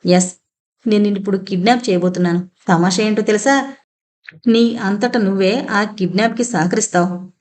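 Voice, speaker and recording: A woman's voice: medium pitch, moderate pace, a little mellow, natural voice. A woman narrator voicing an obsessive, vengeful man just out of prison who taunts and threatens, mixing in English words. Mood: menacing. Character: obsessive vengeful male ex-convict, menacing.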